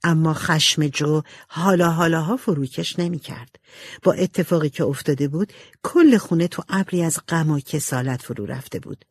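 A woman reads a storybook aloud with animated expression. Her voice is lowish and a little husky, and her pitch moves widely. The recording is dry and close. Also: no room sound. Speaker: narrator. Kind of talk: storybook reading.

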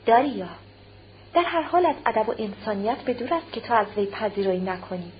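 A woman reading aloud voices a remorseful husband who speaks softly, stammering and apologetic, in a dull recording with a faint hum. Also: on the high side, close to an everyday voice. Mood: pleading. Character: remorseful middle-aged husband, pleading.

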